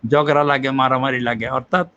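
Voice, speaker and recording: A man's voice: medium pitch, fairly even intonation, brisk, sharp tone. An older man, a linguistics professor, patiently explaining with examples and frequent fillers in an interview. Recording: muffled lo-fi recording.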